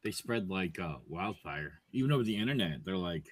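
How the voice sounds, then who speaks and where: A man co-hosting a podcast in loose casual chat, swearing freely, laughing often and trailing off quietly. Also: deep voice, expressive, fairly quick, crowd noise. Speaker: podcast co-host.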